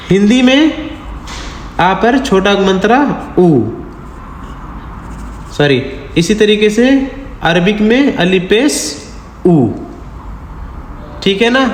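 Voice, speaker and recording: A man teaching a beginners' Quran reading class step by step, repeating sounds and asking rhetorical questions. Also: sits high. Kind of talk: slow step-by-step lesson. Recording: echoey room with long reverb, faint hiss.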